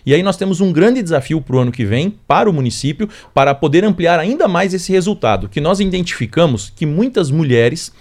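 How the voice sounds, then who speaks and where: Guy, mayor on a radio interview, kinda high voice, walks through numbers calmly. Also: a little fast, hardly any pauses. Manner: steady, explains with figures and targets.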